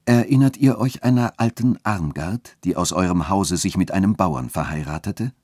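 A man reading a story aloud and voicing a scheming, smooth-talking church dean who shifts between insistence and soft coaxing. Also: sits low, normal speed, no room sound, clean studio sound. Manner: insistent, then softly coaxing. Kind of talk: literary reading.

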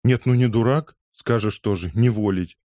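A man's voice: on the low side, dark tone, dry recording, studio quality, pitched above the performer's own voice, close to an everyday voice. Liza, a sassy young working girl, as a man puts her on. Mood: teasing. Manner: bossy, quarrelsome, quick comebacks. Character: brash cheeky young London working girl.

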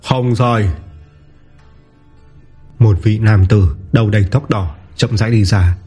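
A man narrating a martial-arts novel in a steady, even storytelling voice. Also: lowish voice, normal speed, breathy edge. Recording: soft background music.

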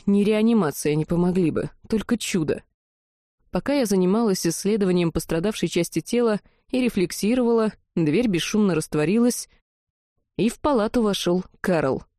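A woman reading a first-person fantasy audiobook in a wry, lively storytelling manner. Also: fairly low pitch, no echo, clean studio sound. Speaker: audiobook narrator.

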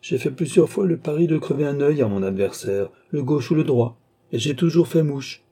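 A man's voice: fairly high pitch, lively intonation, moderate pace, warm tone, breathy edge, voice pushed up. A man voicing a treacherous army captain who speaks coldly and mockingly, taunting his victim. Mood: cool menacing. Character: treacherous scheming Italian army captain, gloating.

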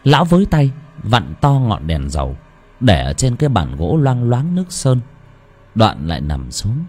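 A man narrating a ghost story in an expressive, dramatic way. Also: husky. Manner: expressive, swooping between high and low.

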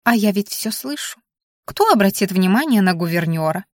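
A woman's voice: mid-range voice, lively intonation, moderate pace, a little mellow, dry recording, studio quality, close to an everyday voice. A woman voicing a fussy, dramatic furry female creature who acts as a governess, showering her lady with sugary pet names and prone to hysterics. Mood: scolding, doting. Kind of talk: audiobook character voice.

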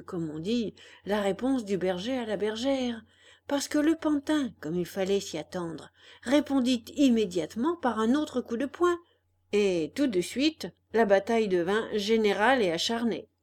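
Slow, gentle woman reading a storybook. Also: on the high side. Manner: gentle expressive storytelling with asides to listeners. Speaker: narrator.

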